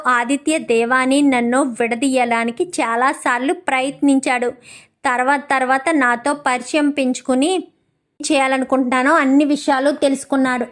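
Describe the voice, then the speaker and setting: A woman's voice: high-pitched, lightly acted. A woman voicing a devoted young wife who insists and explains to her husband and father.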